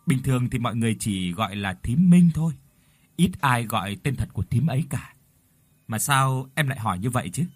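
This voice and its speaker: A man voicing a quiet, curious young village man who asks questions in an even, conversational tone. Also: mid-range voice, a little fast, husky, no room sound.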